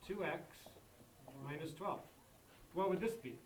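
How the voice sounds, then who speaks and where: A man's voice: high-pitched, unhurried, a crowd in the background. A man teaching a math lesson to a class, repeating key points and checking that students follow. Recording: echoey classroom from far off.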